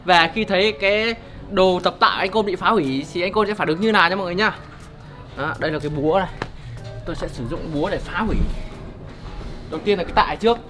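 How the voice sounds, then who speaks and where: Young male host, brisk casual vlog patter, camera mic. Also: high voice, music in the background. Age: young adult. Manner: chatty, upbeat, addresses viewers directly. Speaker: vlogger host. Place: outdoor yard and indoor storeroom.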